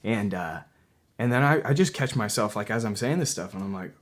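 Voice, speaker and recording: A young man talks casually with a slightly low voice, packing his speech with fillers and restarts. He tells stories animatedly, playing out what people said. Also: fairly quick. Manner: animated storyteller, acts out quotes loudly; filler-heavy, many restarts. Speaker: podcast guest. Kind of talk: casual conversation.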